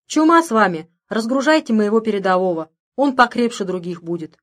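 A woman's voice: mid-range voice, lively intonation, brisk, lightly acted. A gloomy, resigned older village man grumbles ruefully, as a woman reader puts him on. He sounds weary and fed up, a figure in a storybook tale.

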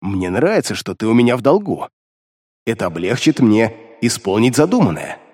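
A man voicing a contemptuous male demon who speaks inside the hero's head, slow, grumbling and scornful. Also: medium pitch, sing-song, darkish tone, pitched below the performer's own voice. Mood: scheming. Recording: long reverb.

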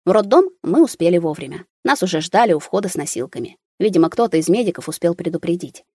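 A woman reading a first-person audiobook in an even, measured storytelling manner. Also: fairly low pitch, breathy edge, dry recording. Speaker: audiobook narrator.

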